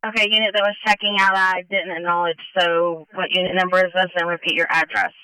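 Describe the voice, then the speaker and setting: A bright, clear woman's voice dispatches over police radio. She speaks in short procedural calls with unit numbers, in a dry sound. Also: lowish voice, little pitch movement, fast, dry recording, low-quality recording.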